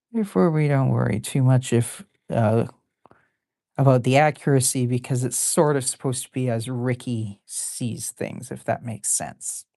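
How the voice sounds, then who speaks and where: A woman with a very low, warm voice talks in a rambling, easygoing way as she draws live, poking fun at her own work and filling pauses with ums. The sound is dry and close, with no room around it. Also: creaky, no echo. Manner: rambling and self-deprecating, with many fillers. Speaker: artist drawing on a live stream. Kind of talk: casual chat while drawing.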